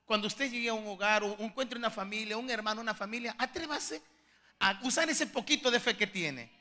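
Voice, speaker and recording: Male pastor preaching in a big church hall; high, very bright voice, fervent, pleading tone, long echoing reverb. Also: a little fast. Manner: preaching with swings from soft, intimate asides to loud emphatic climaxes; fervent and pleading, addressing listeners as beloved brothers. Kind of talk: sermon.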